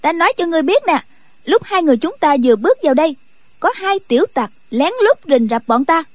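Man playing a young girl, sing-song and mocking, very high voice, dry audiobook recording. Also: big pitch swings, fast, no room sound. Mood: teasing. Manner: cheeky, giggling, bossy. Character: mischievous teasing young girl. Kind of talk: audiobook character voice.

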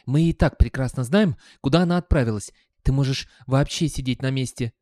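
A man's voice: mid-range voice, brisk, a little mellow, no echo, clean studio sound, natural voice. A man voicing a grumpy, scruffy old talking dog who grumbles, wheezes and talks with sarcasm. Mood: grumbling.

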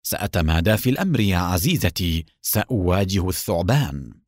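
Calm sarcastic male agent hero, done by a man, low voice, dry sound, audiobook. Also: a little fast, husky, dry recording. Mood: calm mocking. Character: cool, mocking male secret agent hero.

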